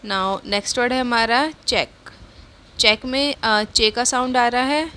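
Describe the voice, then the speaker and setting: A woman teaches a beginner's shorthand lesson at an unhurried pace. Her voice sits slightly high, and she repeats each word several times, switching freely between Hindi and English. A faint hiss of noise sits under the recording. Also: sharp tone. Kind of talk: step-by-step spoken lesson.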